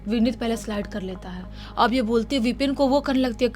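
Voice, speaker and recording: A woman's voice: a little high, brisk, darkish tone, soft background music. A woman narrating a horror story in a casual way and acting out the dialogue of the people in it.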